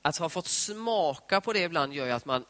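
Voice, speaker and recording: A man giving a conversational devotional talk on prayer, retelling scripture scenes in lively voiced dialogue. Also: a little high. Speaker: preacher. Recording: long hall reverb.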